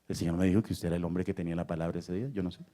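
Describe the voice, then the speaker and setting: A man preaching a sermon, telling stories and moving from hushed whispers to loud impassioned cries. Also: low voice, level tone, rapid-fire. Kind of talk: sermon with storytelling.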